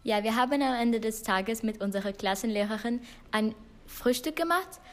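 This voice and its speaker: A woman's voice: on the high side, moderate pace. A woman student answering cheerfully in simple sentences. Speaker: student interviewee.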